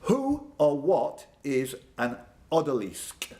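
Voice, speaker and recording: This pub quiz host has a mid-range voice with a dark tone, speaking slowly but very animatedly. He reads the questions, riffs with off-the-cuff jokes, and laughs at them himself, all over the noise of a live pub room.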